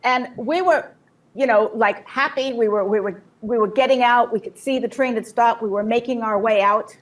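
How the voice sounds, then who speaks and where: A woman telling a personal story in short, vivid bursts and pausing for an interpreter. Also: on the high side. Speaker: guest speaker. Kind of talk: personal testimony with live interpreter.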